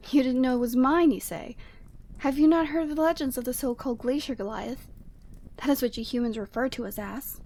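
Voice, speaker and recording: In a scripted ASMR roleplay, a woman voices a proud, commanding yeti woman, speaking imperiously in a measured, formal manner. Her voice is high-pitched with a darkish tone, and her mood is stern as she bargains.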